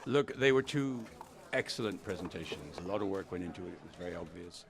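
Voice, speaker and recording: A man's voice: low voice, fast talker, gravelly. A man acting as a panel judge, giving unscripted feedback to presenters.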